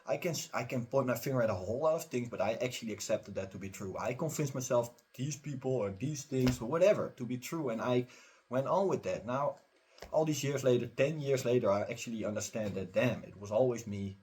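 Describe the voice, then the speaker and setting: A man's voice: medium pitch, fairly quick, darkish tone, a little hiss or hum. A man who runs a spiritual teaching channel, talking straight to his viewers in a casual, emphatic, repetitive way. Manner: emphatic, repetitive, urging the listener. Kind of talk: casual spiritual pep talk.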